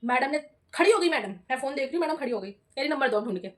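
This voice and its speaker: A young woman vlogger tells a story from her own life in a high, bright voice and at a quick clip. She is chatty and animated, and she keeps addressing her viewers casually as she talks.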